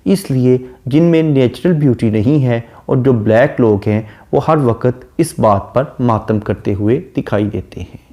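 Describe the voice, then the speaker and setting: Mellow-voiced man lecturing on a poem. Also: medium pitch. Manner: explains each line in Urdu-flavoured Hindi, reciting English verse slowly. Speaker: literature lecturer. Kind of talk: classroom lecture explaining a poem.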